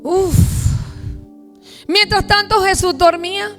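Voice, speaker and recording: A woman pastor delivers an emphatic sermon in a very high voice. She speaks slowly and deliberately, stretching out key words and piling up phrases in lists. Faint music plays underneath. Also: steady tone. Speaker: pastor and prophet. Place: church.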